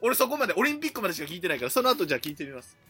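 A man's voice: sits high, very fast, husky, faint music behind. A man with a Kansai accent co-hosting a casual comedy podcast, acting out lines as he retells them. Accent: Kansai Japanese. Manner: animated, acts out quoted lines with loud jumps. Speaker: podcast co-host.

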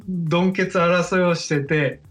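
Forties male, high-pitched, casual podcast storyteller, faint music bed. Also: fairly even intonation, slow, fairly bright tone. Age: 40s. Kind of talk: casual anecdote telling.

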